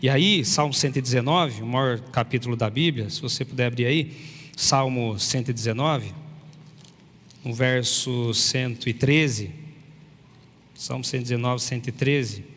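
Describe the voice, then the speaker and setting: A man's voice: mid-range voice, normal speed, a bit bright, slight background noise. A man preaching a sermon as pastor, animatedly acting out imagined dialogue with God. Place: church. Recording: long reverb of a church hall.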